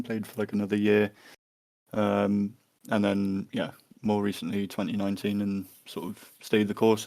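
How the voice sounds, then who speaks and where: A man's voice: fairly low pitch, clear, resonant tone. A man answering interview questions in a hesitant way, with many fillers and restarts. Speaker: guest.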